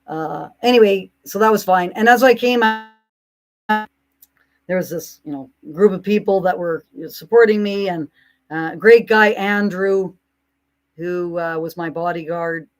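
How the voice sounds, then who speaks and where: A woman's voice: fairly low pitch, unhurried. A woman talking casually to her audience in an indignant, rambling monologue, often breaking into mocking asides. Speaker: commentator.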